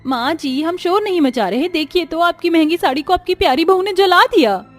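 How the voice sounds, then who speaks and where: Scheming sister-in-law voiced by a woman, cartoon story, very high pitch, sneering, faint music. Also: normal speed. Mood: mocking. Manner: sneering, mocking.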